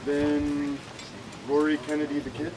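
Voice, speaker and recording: A man reciting a ceremonial roll of names in a halting, informal way. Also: fairly high pitch, completely flat delivery. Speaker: participant presenting a ceremonial chain. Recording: very noisy outdoor event recording.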